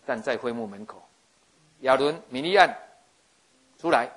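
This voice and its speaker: A man giving a lively sermon, acting out scenes and often checking that his listeners follow. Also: medium pitch, unhurried, husky. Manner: animated, acts out scenes, keeps asking listeners if they follow. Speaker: preacher.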